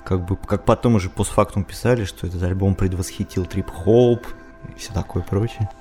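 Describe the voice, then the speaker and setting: A man's voice: sits low, a little fast, dark tone, faint music behind. A man interviewing a guest in a casual, conversational way, asking follow-up questions.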